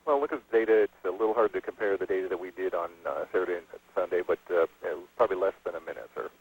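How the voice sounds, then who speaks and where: Man, very low husky voice, hesitant technical radio report, muffled intercom channel. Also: racing, darkish tone. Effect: radio comms channel. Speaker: launch propulsion console engineer. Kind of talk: radio loop technical status report, like marine radio traffic.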